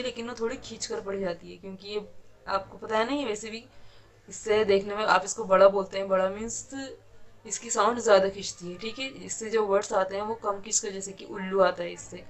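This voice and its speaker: Woman, teacher, online kindergarten lesson, patient, step-by-step, flat even tone. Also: mid-range voice. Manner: patient, explains step by step, often checks with "ठीक है".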